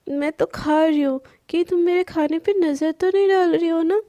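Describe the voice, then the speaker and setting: A woman voicing a sulky, scolding young woman in a spoken story, grumbling and quick to complain. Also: extremely high pitch, mellow, no room sound. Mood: suspicious.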